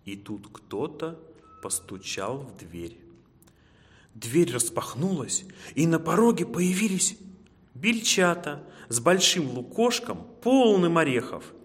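A man narrating a children's fairy tale in an expressive storytelling manner. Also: on the high side, takes it slowly. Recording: echoey room reverb.

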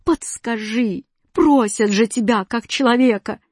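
A loyal storybook cat who pleads for his young master and hisses at enemies, as a woman puts him on. The voice is a little breathy and sits dry and close to the mic. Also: high voice, expressive, slow pace, dry recording, voice pushed up, full character voice. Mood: pleading. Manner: hissing, pleading.

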